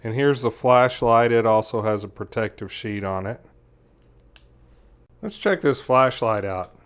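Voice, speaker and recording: A man with a smooth, mid-range voice gives a casual, methodical hands-on review of a gadget at an unhurried pace. He explains each step as he works through the demonstration.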